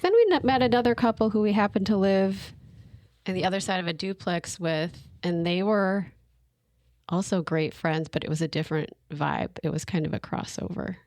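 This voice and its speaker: A woman's voice: medium pitch, normal speed, darkish tone, no echo, clean studio sound. A woman co-hosting a podcast in casual chat, chatty, laughing often and restarting her sentences. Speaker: podcast co-host.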